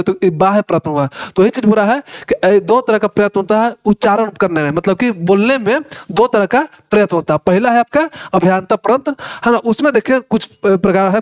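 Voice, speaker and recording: A man with a fairly high voice gives a relaxed classroom-style lesson. He talks straight to his students and sounds out letters one by one. He keeps coming back with little check-ins as he explains. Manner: repeats "है ना" and "भाई साहब", sounds out letters; conversational, addresses students directly. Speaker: teacher. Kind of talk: casual Hinglish lecture.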